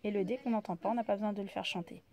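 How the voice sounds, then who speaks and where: A woman teaching a reading game, sounding out each letter slowly one by one in a step-by-step demonstration. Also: medium pitch, steady tone, dark tone.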